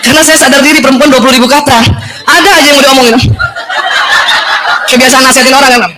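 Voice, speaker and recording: A woman with a high, bright-sounding voice gives an animated talk to an audience of mothers. She laughs often and slips into little acted voices for the people she quotes. She keeps stopping to ask her listeners whether they follow. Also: fast talker, heavy background noise. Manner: addresses the audience directly with checking questions. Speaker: lecturer giving a talk to mothers. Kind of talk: lively seminar talk.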